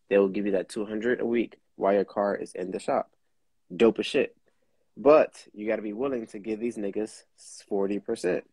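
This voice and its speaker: A man's voice: fairly low pitch, gravelly, a little mellow, breathy edge, dry recording. A man hosting a casual chat, explaining things in a blunt, profane, laid-back way. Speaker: host.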